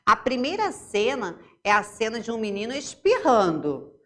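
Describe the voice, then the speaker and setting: A woman's voice: on the high side, sing-song, moderate pace, fairly bright tone. A woman teacher with a Brazilian Portuguese accent talks young pupils through an exercise. Her intonation swings widely and expressively. She explains patiently, step by step, and keeps asking checking questions. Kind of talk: remote classroom lesson.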